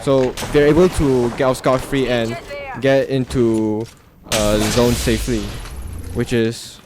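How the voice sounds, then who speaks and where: A man giving analytical esports color commentary in a measured way. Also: mid-range voice, fairly even intonation. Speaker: esports co-caster. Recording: clear game noise behind.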